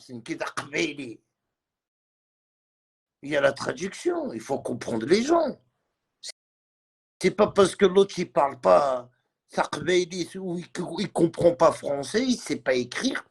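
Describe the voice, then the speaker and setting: A man's voice: a little high, lively intonation, a little slow, vocal fry, pauses often, slightly rough. A man on a live stream, ranting in a heated, repetitive way and mixing in words from other languages. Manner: agitated, repetitive, mixes French with Arabic and Kabyle. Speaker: livestreamer.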